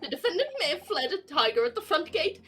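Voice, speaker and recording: A woman's voice: sits high, sing-song, quick pace, a bit bright, soft background music, pitched above the performer's own voice. A British woman reading a smug, scheming male prosecutor's lines with gleeful, dramatic delivery. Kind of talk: reading game dialogue aloud.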